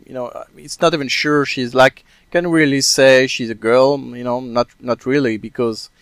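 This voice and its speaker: Male co-host, mid pitch, hesitant and rambling, dry close sound. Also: fairly even intonation, moderate pace, clean tone, dry recording. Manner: rambling, hesitant, many fillers. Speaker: podcast co-host. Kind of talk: casual podcast chat.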